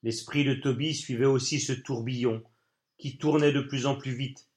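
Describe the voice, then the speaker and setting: A man narrating an audiobook in an even, measured reading voice. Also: mid-range voice.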